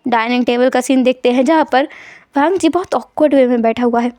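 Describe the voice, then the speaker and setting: Woman narrating a fan story, high voice, dry close sound. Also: fairly quick, darkish tone, no room sound.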